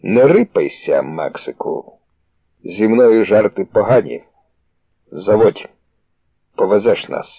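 A cruel young thug snarls his threats in a raised, husky voice, as a man reads him aloud. The sound is tinny and phone-like, with no room around it. He mocks and hisses, pushing each threat hard. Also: fairly low pitch, animated, slow, long pauses, dry recording, exaggerated voice. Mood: menacing. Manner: threatening, hissing, raised shouts. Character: menacing young male thug, cruel and mocking.

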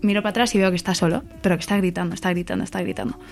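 A woman in a casual discussion, telling an anecdote in an animated way. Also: on the low side, racing, faint music behind. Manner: animated storytelling, acts out quoted voices. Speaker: radio show participant.

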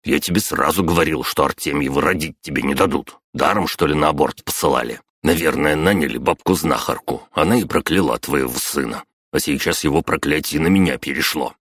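A man's voice: very deep voice, a little fast, few pauses, fairly bright tone, breathy edge, no room sound, clean studio sound, heavily acted. A man voicing a cranky, grumbling old grandfather with a whining, complaining manner.

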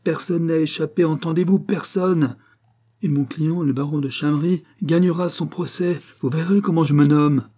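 A man voicing a scheming, gloating male lawyer in an audiobook, shouting defiantly. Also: fairly high pitch, steady tone, moderate pace, pitched above the performer's own voice, lightly acted.

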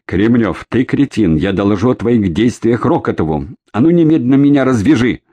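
A man reading an audiobook, voicing an angry, shrill female agent who curses and gives orders. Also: lively intonation, normal speed, dark tone, husky. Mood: furious. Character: furious cornered female agent.

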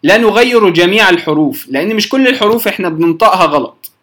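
A man with an Egyptian accent teaching Quran recitation, explaining patiently, often checking that students follow and slowing down to demonstrate sounds. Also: high-pitched, expressive, fairly bright tone. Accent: Egyptian Arabic. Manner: slows down to demonstrate pronunciation. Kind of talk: tajweed lesson.

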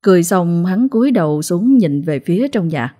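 A woman narrating a ghost story in a steady, dramatic way. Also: fairly low pitch, moderate pace.

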